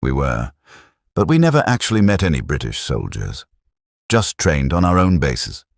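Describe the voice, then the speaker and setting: A man reading as a quiet young American private who keeps his answers short. The voice is very deep and husky, recorded dry and close. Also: very animated, normal speed, dry recording, heavily acted. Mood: reserved. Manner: reserved and brief.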